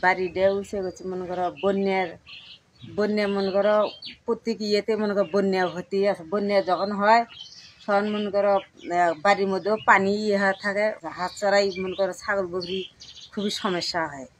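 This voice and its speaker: A woman with a rural northern Bangladeshi accent, giving halting, repetitive, unscripted testimony as a villager. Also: mid-range voice, little pitch movement. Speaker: villager interviewed about floods. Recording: birdsong and clear outdoor background noise.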